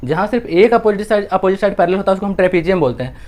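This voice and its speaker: A man's voice: sits high, lively intonation, very fast, darkish tone. A young man with an Indian accent, a maths teacher working through textbook exercises step by step, mixing Hindi with English and asking and answering his own questions.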